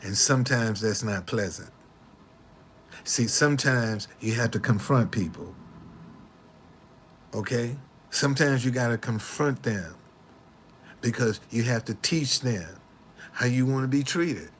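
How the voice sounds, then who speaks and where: A man in his late sixties talking casually to the camera with slangy street swagger, repeating himself in animated, indignant retorts. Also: medium pitch, measured pace, long pauses, slight background noise. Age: 60s.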